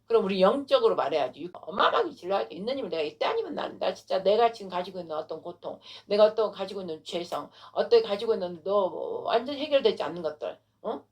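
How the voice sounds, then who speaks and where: A woman pastor preaching a sermon, retelling a story with animated delivery and frequent rhetorical questions. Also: mid-range voice, quick pace, few pauses.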